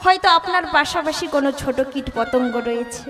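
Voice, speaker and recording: Woman kirtan preacher, very high voice, sing-song exhortation to a village crowd, devotional music underneath. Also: quick pace, fairly bright tone. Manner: exhorting the crowd, addressing them as mothers and fathers.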